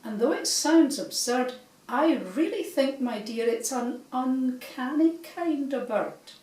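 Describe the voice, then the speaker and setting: A woman's voice: sits high, lively intonation, slow, a little mellow, voice pushed up. A woman voicing a prim, demure female swan with a Scottish accent. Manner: prim and agreeable. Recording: roomy, from a distance.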